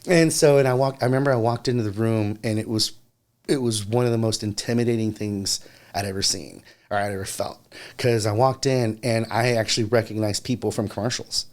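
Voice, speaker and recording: A man's voice: on the low side, fairly quick. A man, an actor, telling a long anecdote in a casual interview, full of "you know" fillers. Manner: animated anecdote-telling, acts out quoted voices. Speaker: actor guest.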